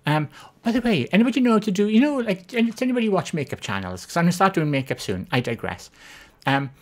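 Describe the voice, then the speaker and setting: A fast-talking Welsh live streamer from Swansea, with a mid-range, sing-song voice, chats casually on stream. They read viewers' comments aloud and keep poking fun at themselves in a chatty, self-deprecating way.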